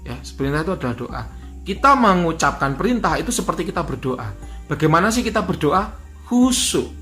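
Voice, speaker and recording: A man's voice: a little high, sing-song, fast, sharp tone, soft background music. A man giving an instructional talk as a spiritual teacher, repeating key points and asking rhetorical questions.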